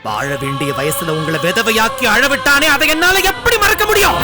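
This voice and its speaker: An actor playing a vengeful, hot-tempered young man in a TV serial who shouts, threatens and chokes up. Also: high voice, huge pitch swings, normal speed. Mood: grieving anger. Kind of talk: TV serial acting. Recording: loud background music score.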